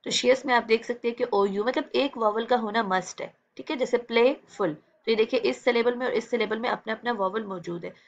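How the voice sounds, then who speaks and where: Patient woman teacher, gravelly voice. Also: fairly high pitch, lo-fi sound. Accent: Pakistani Urdu. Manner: patient, explains slowly with many "theek hai" checks; sounds words out slowly, syllable by syllable. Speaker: English teacher. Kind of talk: textbook exercise lecture.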